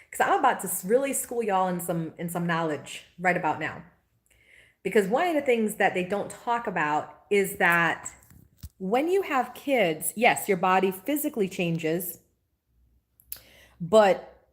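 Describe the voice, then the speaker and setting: A chatty woman talks straight to her live-stream audience in an animated, personal way. She has a voice of middling pitch, and she breaks off now and then to greet viewers by name. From Guyana. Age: 40s. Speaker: spiritual teacher. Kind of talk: casual live-stream chat.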